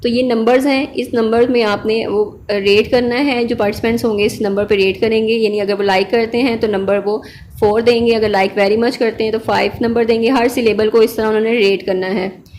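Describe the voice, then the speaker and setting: Woman teaching a practical, bit high pitched, slow and patient, lots of "okay"s. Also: fairly even intonation, darkish tone, slight background noise. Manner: patient, checks in with "okay" and pauses on fillers; mixes English terms into her speech. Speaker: online tutor. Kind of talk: explanatory lecture on a lab practical.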